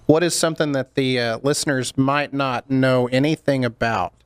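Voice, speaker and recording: A man co-hosting a podcast, quick with teasing wisecracks. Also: mid-range voice, steady tone, smooth, dry recording. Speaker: podcast co-host. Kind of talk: casual podcast chat.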